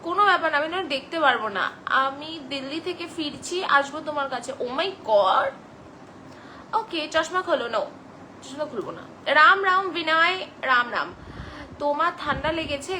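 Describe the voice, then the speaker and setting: A woman's voice: high voice, pushed and bright, slight background noise, rough recording. A young woman hosting a casual live stream, reading viewer comments aloud and answering them in a chatty way over a phone.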